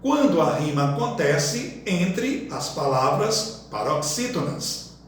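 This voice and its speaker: A man giving a slow lesson, listing example words one by one and explaining each. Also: fairly high pitch, sing-song. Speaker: workshop teacher. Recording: echoey room from far off, faint noise.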